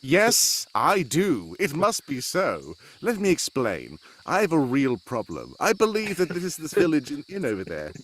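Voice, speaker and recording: A man's voice: fairly high pitch, huge pitch swings, moderate pace, hardly any pauses. A man playing a brusque, condescending detective in a live cold-read radio drama parody, theatrical and commanding. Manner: theatrical, commanding, breaking into ad-libs. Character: Sherlock Holmes, brusque, condescending male detective, hammy and exasperated. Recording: live stage recording with background noise.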